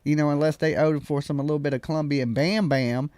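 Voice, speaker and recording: A man's voice: fairly high pitch, fairly even intonation, quick pace, darkish tone, dry recording, studio quality. A man hosting a live stream panel, chatting casually in a folksy, slangy way.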